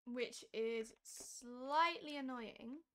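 A hoarse woman who is losing her voice, chatting casually and thinking aloud while live-streaming a game. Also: on the high side, extremely slow. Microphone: streaming mic.

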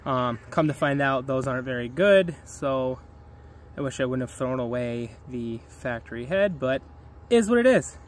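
A man's voice: medium pitch, expressive, normal speed, a little hiss or hum. A man in his thirties casually walking through a go-kart repair for his vlog, rambling with fillers, filmed outdoors on a handheld camera. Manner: laid-back, rambling with fillers. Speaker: vlogger. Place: outdoor yard by woods. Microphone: handheld camera at arm's length.

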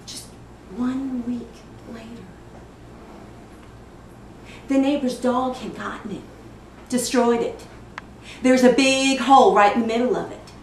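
A woman with a slightly high voice performs a film monologue as a disturbed, wistful mother who seems eerily childlike, halting and drifting from murmurs into sudden emphasis. It's recorded in an echoey indoor studio room on a distant mic, with clear noise.

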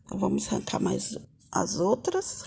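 A woman's voice: mid-range voice, very animated, normal speed, creaky, warm tone, breathy edge. A Brazilian woman giving a casual, homely hands-on gardening tutorial, chatting informally to viewers as the host. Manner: addresses viewers as little friends, homely and informal. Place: outdoor home yard with potted plants.

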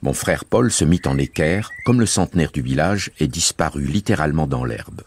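A man reading a novel aloud as a radio serial, in measured, expressive storytelling. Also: rumbling low, a little hiss or hum. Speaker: reader.

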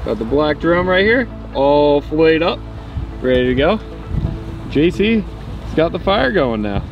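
A man's voice: on the high side, a little slow, highs cut off, over music. A young man hosting an outdoor cooking vlog, talking casually and upbeat while cooking with a friend at night. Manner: relaxed, upbeat banter. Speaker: vlog host. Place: outdoors at night on an island campsite. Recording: outdoor recording with clear background noise.

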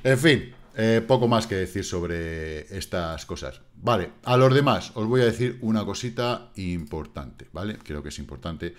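A man's voice: deep voice, lively intonation, unhurried, hardly any pauses. Blunt Spanish man mocking critics. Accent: Spain Spanish. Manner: blunt, mocking, swears casually. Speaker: crypto trading YouTuber. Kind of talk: casual market commentary. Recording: distant megaphone-shouted opening.

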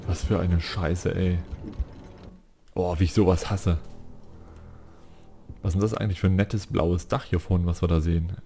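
A man's voice: deep voice, steady tone, moderate pace, pauses often, mellow, soft background music. A man playing a video game and commenting casually, reading in-game text aloud and swearing when he gets frustrated. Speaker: let's play gamer.

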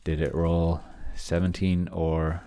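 This middle-aged man's voice is low-pitched, dark and clean, with a flat delivery at a slow pace. He hosts solo tabletop roleplaying with a chatbot from a small cluttered indoor room, rambling and musing to himself in casual screencast commentary as he reads along.

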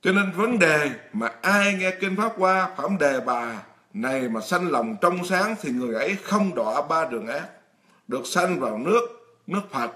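Monk, middle-aged man, frank sermon voice, slightly high pitch, speaks straight to the hall. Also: lively intonation, moderate pace, pushed and bright. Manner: blunt, emphatic, addresses the congregation directly. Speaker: Buddhist monk preaching. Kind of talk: dharma talk sermon.

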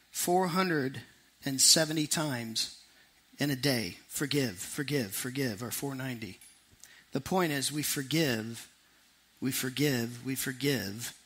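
A middle-aged man, preaching a sermon to a congregation in a lively, conversational way with quick asides and sudden slow emphasis. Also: medium pitch.

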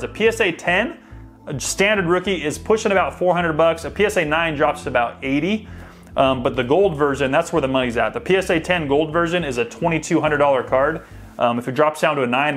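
A man with a fairly high-pitched, fairly bright voice hosts a sports card pack opening. He chats casually and thinks aloud while sorting through the cards in this laid-back unboxing commentary.

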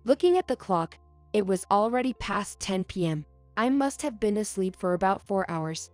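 A woman's voice: mid-range voice, a little mellow, dry recording. Woman narrating a heartfelt story. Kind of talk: scripted first-person story narration.

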